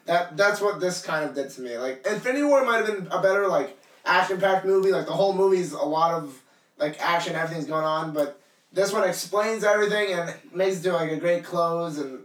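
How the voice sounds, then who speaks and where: High-voiced young man, rambling, roomy distant sound. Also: fairly quick, fairly bright tone. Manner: rambling, many fillers. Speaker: podcast co-host. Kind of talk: casual podcast chat.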